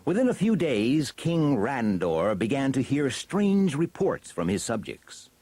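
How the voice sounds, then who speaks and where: A man narrates a fantasy storybook with theatrical expression, his mid-pitched voice rising and falling widely. The recording has clear background noise. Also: huge pitch swings, a little slow, warm tone. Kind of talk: dramatic scripted storybook narration.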